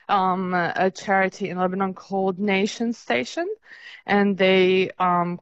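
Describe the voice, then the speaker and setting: A young Middle Eastern woman with a mid-range voice is a guest on a radio interview, talking as a fundraiser organiser. She's earnest but hesitant, using many fillers. The recording is dry, with a dull lo-fi sound.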